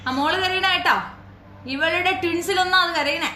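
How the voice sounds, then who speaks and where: A woman's voice: very high voice, fairly even intonation, normal speed, very noisy. A woman giving reaction commentary in a sarcastic, taunting way, firing rhetorical questions at the listener. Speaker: commentary YouTuber. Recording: roomy echo.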